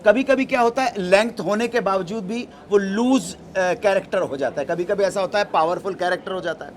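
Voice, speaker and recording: Middle-aged guy with a high voice, talks slow and careful at a press meet, bit of hiss behind. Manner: deliberate, explanatory, mixes English terms. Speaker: actor at a press event. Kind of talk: answering press questions.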